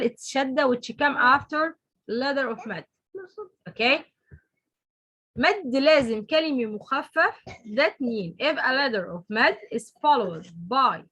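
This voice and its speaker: Woman, recitation teacher, repeats terms, high bright voice, online lesson. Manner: repeats each term slowly, mixing English and Arabic.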